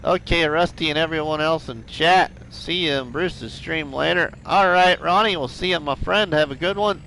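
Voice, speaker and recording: A man's voice: fairly high pitch, moderate pace, gravelly, bright, forceful tone, a little hiss or hum, low-quality recording. A middle-aged man streaming a farming game live, chatting and joking with viewers and laughing often. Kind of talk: live gameplay chat with viewers.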